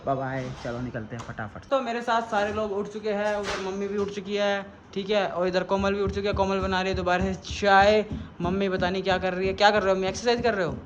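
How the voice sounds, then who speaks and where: A young man vlogger chats casually and fast in a high voice, speaking straight to viewers of his family vlog and teasing his dog. It's a noisy handheld phone recording.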